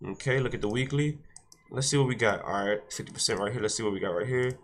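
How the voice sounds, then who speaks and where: Speaking fast at medium pitch, a stuffy-nosed man hosts a day-trading livestream and addresses his chat head-on. He repeats himself and exhorts viewers during casual talk that includes a brief devotional.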